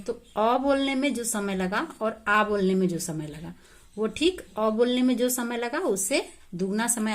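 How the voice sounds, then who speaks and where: A woman teaching a grammar lesson, explaining patiently, asking rhetorical questions and slowly stretching vowels to demonstrate them. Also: mid-range voice. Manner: patient, repeats and drills examples with rhetorical questions.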